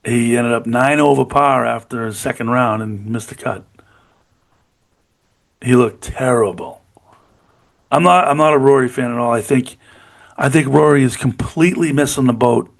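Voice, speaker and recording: A middle-aged man in casual podcast conversation, talking with eager, rambling energy about sports. His voice sits at an ordinary pitch for a man. He keeps circling back to check the listener is with him. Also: normal speed, gravelly, long pauses. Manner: rambling, enthusiastic, repeats "you know what I mean". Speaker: podcast co-host.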